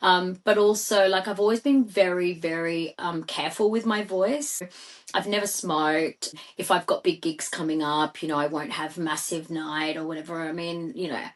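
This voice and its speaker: A middle-aged Australian singer and DJ speaks in a lowish, steady voice at normal speed. She's a podcast guest, rambling through a casual conversation with plenty of fillers.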